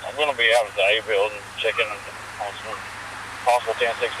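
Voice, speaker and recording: A man's voice: lowish voice, level tone, quick pace. A man speaking as a police officer on radio, terse and procedural with number codes, recorded on a noisy bodycam. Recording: noisy outdoor bodycam with vehicle sounds.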